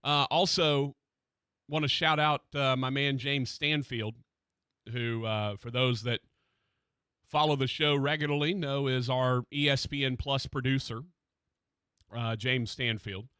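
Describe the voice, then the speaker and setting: A male sports radio host with a bright, forceful voice, chatting loosely in a dry studio. His talk wanders with plenty of fillers and restarts, and his voice is still recovering from a cold. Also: medium pitch, fairly even intonation, a little slow, clean tone, no echo. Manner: rambling, many fillers and restarts.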